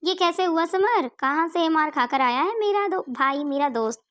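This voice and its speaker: A woman's voice: very high-pitched, moderate pace, fairly bright tone. A woman playing a teasing, playful friend. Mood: worried.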